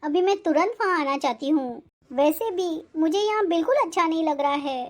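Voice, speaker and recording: A voice actor playing an aging village mother-in-law in an animated moral story, who scolds and then turns tearful and apologetic. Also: very high voice, normal speed. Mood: affectionate. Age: older.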